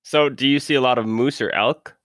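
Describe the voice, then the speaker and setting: A man's voice: medium pitch, fairly even intonation, a little fast, fairly bright tone, no room sound, studio quality. Laid-back man asking questions. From Minnesota. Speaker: host. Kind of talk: casual interview.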